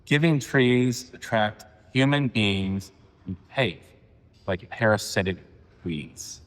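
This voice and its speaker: Slow, low-voiced man reading poems. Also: expressive, in a large hall. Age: 40s. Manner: hesitant, halting asides with many fillers. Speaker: poet. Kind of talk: poetry reading with spoken asides. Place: reading venue.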